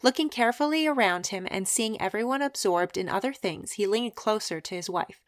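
A woman's voice: medium pitch, lively intonation, brisk, no echo. Woman narrating a story, dry sound. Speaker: audiobook narrator. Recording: dry close studio sound.

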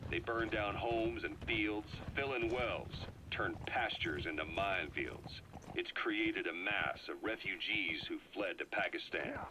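A man plays a grave veteran spy, giving a deliberate, weighty scripted briefing as an intelligence briefer on an audio tape in a video game. His voice sits low, and the noisy background carries horse hooves and game ambience under the dramatic narration.

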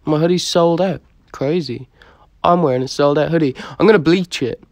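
A young Dublin man with a somewhat high, slightly mellow voice chats at a normal speed on a livestream, answering comments in a relaxed, slangy manner. He speaks into a phone held close to his face, and the audio is dry and studio quality.

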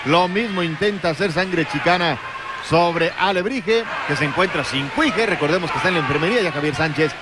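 A man's voice: fairly high pitch, brisk. A Mexican man giving play-by-play wrestling commentary. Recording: noisy arena broadcast. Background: loud arena noise.

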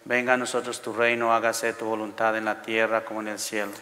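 A middle-aged priest reciting liturgical prayers in a measured, formulaic way, his voice echoing as in a cathedral. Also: on the low side, level tone, bright, forceful tone. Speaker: priest leading the rosary. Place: large church interior, seated by the altar. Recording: long echoing reverb of a church.

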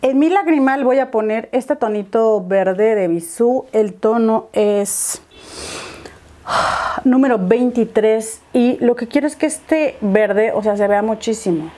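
A woman's voice: a little high, slow pace, dark tone. A young woman talks viewers through her makeup step by step, chatting as she works. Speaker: beauty vlogger. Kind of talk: makeup tutorial chat.

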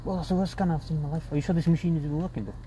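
A man's voice: on the high side, fairly even intonation, racing, mellow. A young man, vlogging in casual, slangy banter from inside a car at a drive-thru car wash, filmed on a phone. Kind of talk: casual chat. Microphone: phone camera. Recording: noisy car wash background. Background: car wash noise.

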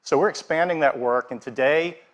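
A middle-aged man presenting products on a large theater stage in a steady, scripted keynote delivery. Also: a little high, fairly quick.

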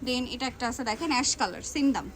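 Woman, shopping video host, very fast talker, high voice, repeats prices, noisy shop around her. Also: lively intonation. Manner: rattles off prices and repeats them. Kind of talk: fast product showcase. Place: clothing shop in a shopping mall.

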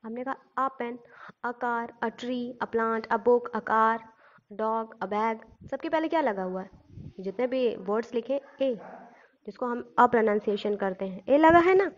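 High-voiced woman teacher, lo-fi. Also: slow pace. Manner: asks questions and answers them herself; spells words out letter by letter. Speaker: school teacher. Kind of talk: classroom grammar lesson.

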